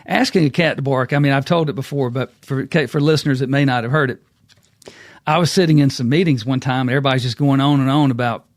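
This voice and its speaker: A man's voice: mid-range voice, dry recording, clean studio sound. A middle-aged man, hosting a casual business talk and acting out quotes as a folksy storyteller. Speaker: podcast host.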